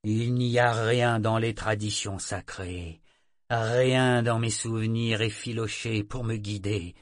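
A man voicing an ancient male sea serpent, troubled and bitter, speaking slowly and weightily in a storybook reading. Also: on the low side, fairly even intonation, no echo, clean studio sound.

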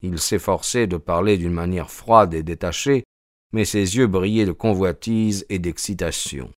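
A man narrates a novel in the first person with measured, steady storytelling. His voice sits very low. The recording is close and dry, with no room sound. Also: no echo. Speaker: audiobook reader.

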